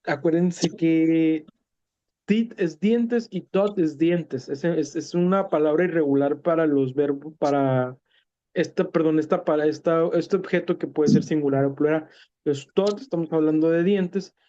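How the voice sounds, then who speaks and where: Slow, mellow-voiced male teacher. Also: fairly high pitch. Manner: patient, repeats words and translates step by step; many hesitations and self-corrections. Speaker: English teacher. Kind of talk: explaining an English lesson in Spanish. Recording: dull lo-fi recording.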